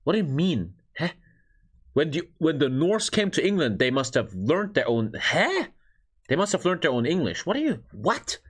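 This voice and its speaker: A man from Norway reacts live in a casual, excitable way. His voice is husky and sits a bit high for a man, with lively swings in pitch. He swears freely as he comments. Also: moderate pace. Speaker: streamer reacting to a history video.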